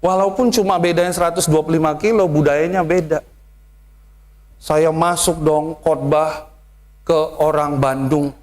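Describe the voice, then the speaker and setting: A male pastor with a high-pitched voice delivers a sermon. His storytelling is lively, and he slips into other people's ways of speaking as he goes. He sounds like a young adult. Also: a little slow.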